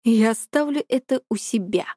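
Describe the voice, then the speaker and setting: A woman's voice: fairly high pitch, expressive, normal speed, warm tone, no room sound, clean studio sound. A woman playing a cocky young hero. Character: young male hero, bold and mocking.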